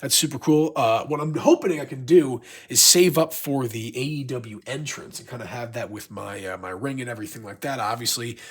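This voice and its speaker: A man reviews collectibles casually, his husky voice stuffed up by a sick, blocked nose. He rambles along in a mid-pitched voice, gushing like an excited fan. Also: fairly quick, hardly any pauses. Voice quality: congested, stuffy-nosed. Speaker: YouTube toy collector and reviewer.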